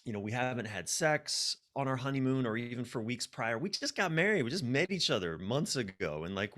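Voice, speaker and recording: An American man with a mid-range, slightly bright voice appears as a podcast guest. He's a relationship coach sharing personal stories in a conversational interview, candid and self-deprecating, even acting out his own inner dialogue.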